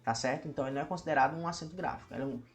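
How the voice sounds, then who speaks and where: A man's voice: on the high side, rapid-fire. A man with a Brazilian Portuguese accent, a teacher explaining a lesson to camera and asking many rhetorical questions. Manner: asks many rhetorical questions and addresses viewers as "meu povo".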